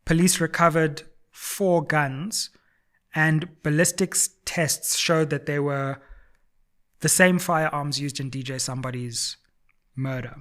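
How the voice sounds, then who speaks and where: Male news-explainer host, South African accent, slightly high voice, emphatic and dramatic delivery. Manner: dramatic, emphatic, deliberate phrasing with stressed key words. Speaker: host of a news and politics show. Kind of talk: news explainer commentary to viewers.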